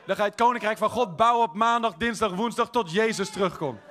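A man preaching a sermon, exuberant, swinging from shouted praise to quiet, chatty storytelling. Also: high-pitched, quick pace. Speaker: pastor.

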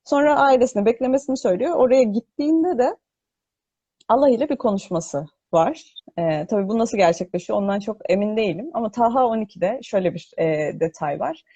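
A woman gives an unscripted religious talk in a soft, mellow voice. She explains step by step with thoughtful pauses. Her voice echoes as if in a cave, and the online audio is slightly muffled. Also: a little high, expressive, husky. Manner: explanatory, hesitant with thinking pauses. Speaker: host of a religious discussion broadcast.

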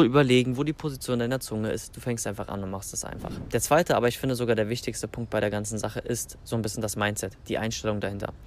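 A man's voice: medium pitch, slight background noise. A man from Germany working as a language coach, giving informal, emphatic instructions in a colloquial, motivational way. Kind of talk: informal instructional talk to camera.

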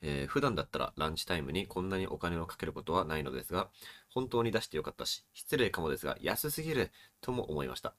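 A man co-hosting a casual podcast, reading listener letters aloud with quick, expressive delivery and frequent laughter. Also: sits low, dry recording. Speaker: podcast co-host.

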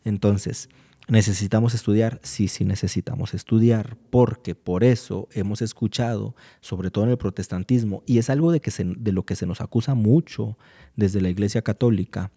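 A man from Mexico, speaking as a guest in a casual discussion about faith, in a measured, explanatory way with frequent pauses. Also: fairly low pitch, mellow, husky.

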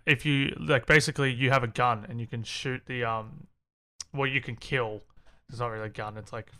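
Giggly guy talking games, lots of ums, bright clear voice. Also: mid-range voice, fairly even intonation, moderate pace. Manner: laughs often, hesitant, full of fillers. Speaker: podcast co-host. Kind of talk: casual gaming chat.

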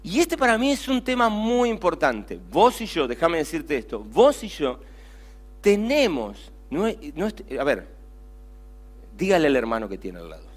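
A middle-aged man with an Argentine accent preaching a sermon as pastor, swinging between loud emphatic lines and hushed, quiet asides. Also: fairly high pitch, sing-song, normal speed.

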